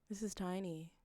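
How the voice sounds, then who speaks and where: A woman's voice: mid-range voice, mellow, no echo. A woman streamer reading posts aloud and commenting casually, reacting with disbelief. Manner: unhurried, reacts with disbelief and exclamations.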